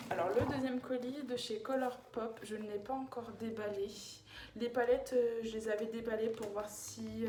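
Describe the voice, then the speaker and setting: A woman chatting casually through a makeup haul, hesitant and full of fillers, recorded at home. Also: mid-range voice. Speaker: beauty vlogger. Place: home room with a cat nearby. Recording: echoey room with background noise.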